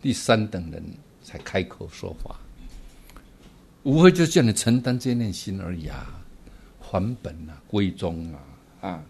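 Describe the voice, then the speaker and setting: A man giving a Buddhist dharma talk, animated and asking his listeners rhetorical questions. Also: low voice, unhurried, slightly rough. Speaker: Buddhist teacher.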